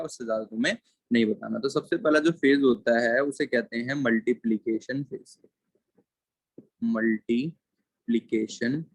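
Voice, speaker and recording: A male biology teacher giving a classroom lecture, dictating slowly and repeating key terms word by word, mixing English terms into his explanation. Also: mid-range voice, no room sound. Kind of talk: classroom lecture with board writing.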